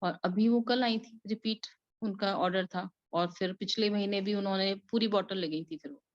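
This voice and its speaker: A woman's voice: medium pitch, steady tone, moderate pace, no room sound. Chatty woman sharing sales stories. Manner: chatty storytelling that mixes in English words. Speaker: distributor sharing her experiences. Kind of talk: motivational testimonial talk. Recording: dull, dry recording.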